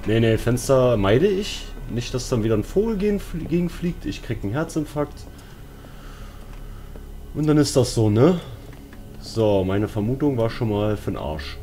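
A let's play streamer gives casual, slangy commentary on a horror game, muttering to himself as he plays. His voice is medium-pitched, animated, and mellow at a moderate pace. Eerie horror game music and sounds play behind him.

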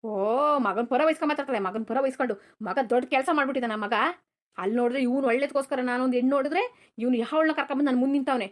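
A woman voicing a stern, quick-tempered rich village landlord father in a cartoon, scolding and repeating herself. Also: high voice, close to an everyday voice. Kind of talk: cartoon dubbing.

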